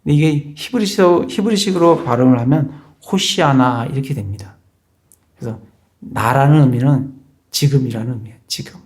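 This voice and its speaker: A middle-aged male pastor giving a measured, explanatory sermon in a church, reading scripture aloud. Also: mid-range voice, a little mellow.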